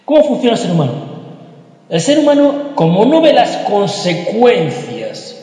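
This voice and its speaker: A man from telling a joke with a moral, animated and emphatic, repeating phrases. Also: high-pitched, a little slow. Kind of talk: storytelling with a moral lesson. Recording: echoey hall reverb.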